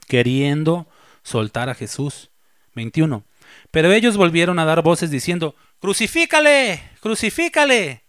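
A man preaching a sermon as a pastor. He reads scripture aloud and slowly repeats the key phrases for emphasis. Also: fairly high pitch, no room sound.

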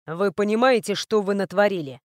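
A woman reading the lines of a cold, stern male bodyguard in a clipped, flat manner. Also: mid-range voice, brisk, dry recording, studio quality, lightly acted.

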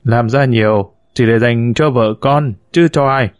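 A male narrator reads a spoken story, voicing a glib, scheming husband, a con man, in his own steady, medium-pitched voice with light acting. The husband talks smoothly and persuasively at a measured pace, always working to win people over. The recording is dry and close, with no room sound.

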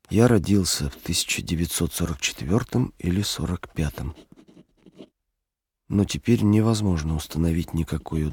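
An actor playing a weary male clerk in his late thirties, speaking slowly and brooding, in an audio drama. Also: sits low, darkish tone, breathy edge, heavily acted. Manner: slow, brooding, growing defiant.

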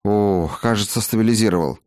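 A man voicing a weary, gentle elf healer who talks in worried questions. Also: fairly low pitch, fairly quick, no room sound, studio quality, lightly acted. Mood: anxious.

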